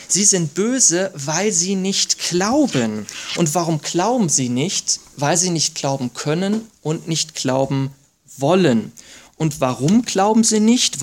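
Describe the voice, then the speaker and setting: A man preaching a sermon, asking rhetorical questions and reading scripture aloud slowly with emphasis. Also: fairly high pitch, darkish tone.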